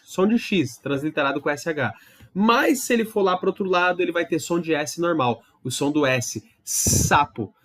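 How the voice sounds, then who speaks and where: A man teaching a recorded Hebrew lesson, explaining patiently, demonstrating sounds and checking in with his students often. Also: sits high. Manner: explains patiently with many tag questions and demonstrations.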